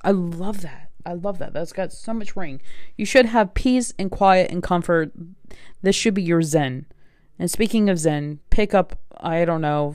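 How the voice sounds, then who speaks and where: A woman's voice: on the low side, darkish tone, no echo, studio quality. A woman hosting a solo podcast, chatting casually and rambling through life tips with a sarcastic, self-mocking humor. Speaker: podcast host.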